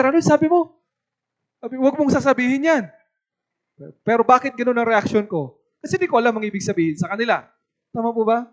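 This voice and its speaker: Man from the Philippines, evangelist preaching to youth, high voice, keeps checking with the crowd, dull lo-fi sound. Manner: lively, asks the audience "tama po ba" often. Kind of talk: youth camp sermon.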